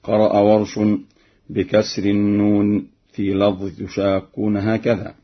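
A man teaching variant readings of the Quran, explaining slowly and chanting the verses he quotes. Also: lowish voice, monotone, husky, muffled recording. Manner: slow, measured, chants quotations.

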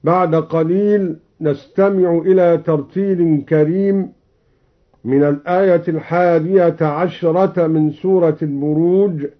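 Man chanting and explaining scripture slowly. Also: fairly high pitch, dull audio. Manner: alternates spoken explanation with slow melodic chanting. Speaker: Quran recitation teacher. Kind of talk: explaining reading variants with chanted recitation.

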